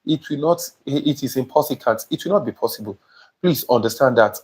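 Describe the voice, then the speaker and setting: A man's voice: medium pitch, brisk, darkish tone. A young man with a Nigerian accent, teaching a live session on a lapel mic and often asking viewers whether he makes sense. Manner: emphatic, repeatedly checks in with viewers. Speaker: admissions tutor. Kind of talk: live-streamed teaching talk. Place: indoor studio before a printed banner. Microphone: small lapel mic.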